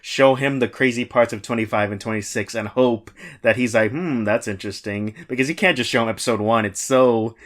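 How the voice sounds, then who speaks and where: A man's voice: mid-range voice, fairly even intonation, brisk, hardly any pauses, a bit bright. Male co-host, mid-range voice, sweary and jokey, loose irreverent chat. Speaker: podcast co-host. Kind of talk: casual, irreverent podcast banter.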